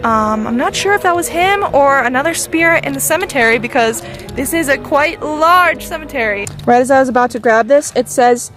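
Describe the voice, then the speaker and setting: A woman's voice: high voice, animated, fairly quick, fairly bright tone, faint music behind. A young woman in a casual, chatty ghost-hunting vlog, talking directly to spirits and to her viewers. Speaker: paranormal vlogger.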